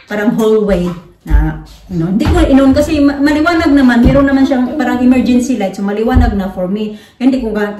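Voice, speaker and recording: With a warm tone and a fairly high pitch, a woman vlogger from the Philippines talks informally to her viewers. She wanders, stops, and restarts, using lots of fillers. The recording is distant and roomy, carrying slight noise.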